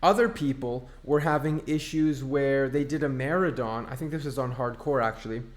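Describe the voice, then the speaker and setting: A man's voice: mid-range voice, normal speed. Sarcastic, fed-up gamer man. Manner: exasperated, sarcastic ranting. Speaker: online game streamer. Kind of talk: casual gameplay commentary.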